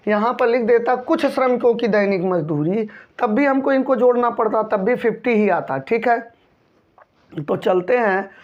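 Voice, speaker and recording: A man teaching a maths lesson, patiently going over each step and often checking in with his students. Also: high voice. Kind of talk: maths lesson explaining a textbook problem. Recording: dull lo-fi recording.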